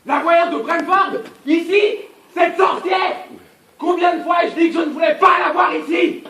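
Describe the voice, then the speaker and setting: Shrieking, frantic jealous husband. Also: male voice, very high-pitched, steady tone, measured pace, a faint crowd, heavily acted. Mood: furious shouting. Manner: hammy, shouting, declamatory. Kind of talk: theatrical stage farce acting. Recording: echoey theatre, loud noise and audience.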